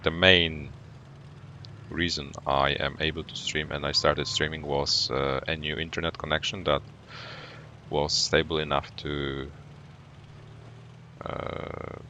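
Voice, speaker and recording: A man from Poland, speaking English as a second language, streaming a tank game live and explaining his decisions as he plays, with relaxed banter. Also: very deep voice, slight background noise. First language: Polish. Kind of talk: live gameplay commentary.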